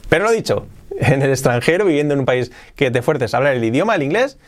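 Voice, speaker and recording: A young man from Spain with a Spanish accent, hosting a casual video lesson on learning English. He talks in a lively way and often repeats himself. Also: medium pitch. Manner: lively, repeats himself, quick asides and laughs. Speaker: English teacher, channel host.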